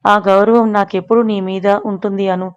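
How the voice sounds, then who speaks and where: A woman voicing a devoted, gentle young man in love, read out in a storybook. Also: medium pitch, little pitch movement, moderate pace, close to an everyday voice. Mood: tender. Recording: dull lo-fi recording.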